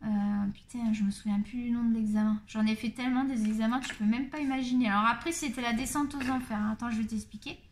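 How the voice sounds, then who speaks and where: High-voiced chatty middle-aged woman. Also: steady tone, quick pace, hardly any pauses, slight background noise. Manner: rambling and candid, with many fillers. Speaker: coloring channel host. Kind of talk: casual chat while coloring.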